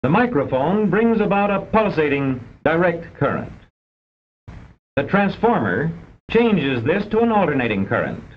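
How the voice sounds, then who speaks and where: A man reads scripted educational narration in an unhurried, sing-song voice. His manner is formal, precise and didactic, and the old film soundtrack sounds dull, with rumbling noise.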